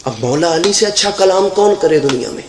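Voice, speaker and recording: A man's voice: a little high, animated, noisy background. A man with a Pakistani Urdu accent, preaching a fervent, declamatory majlis sermon from a pulpit microphone at a live gathering, his voice rising into emotional outcries. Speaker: zakir preaching at a mourning gathering. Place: live religious gathering in a hall. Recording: echoey hall over a PA system.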